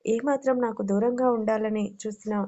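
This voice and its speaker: Storybook figure: a woman playing a bossy, threatening young lover, monotone, dark, muffled. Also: fairly high pitch, normal speed, close to an everyday voice. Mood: possessive. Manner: commanding, threatening. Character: possessive domineering young man in love.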